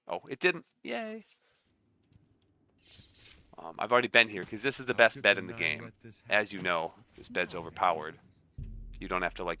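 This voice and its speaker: A man's voice: low voice, pushed and bright. A man streaming a video game in casual chat, nasal and a bit stuffy from a cold, joking and reacting aloud as he plays.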